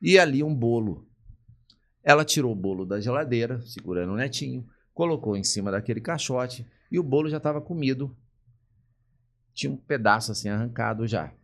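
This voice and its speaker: A man's voice: mid-range voice, brisk. A man, a pastor telling a personal story as a podcast guest, acting out the people he quotes. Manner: animated, acts out the people he quotes. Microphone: podcast studio mic.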